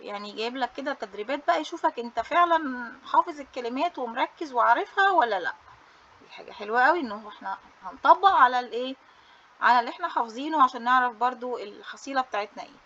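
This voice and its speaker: A woman's voice: high-pitched, lively intonation, fast talker, sharp tone, lo-fi sound. A woman English teacher with an Egyptian Arabic accent, reviewing a study booklet for pupils in a cheerful, coaxing way, dropping English terms into her Arabic. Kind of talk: book review for students.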